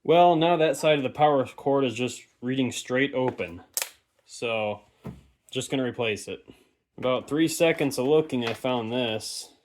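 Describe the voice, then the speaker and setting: In a stone-lined basement, a hobbyist radio repairer and presenter with a medium-pitched voice talks a little slowly. He narrates a radio repair unscripted and casually, thinking aloud in an offhand way.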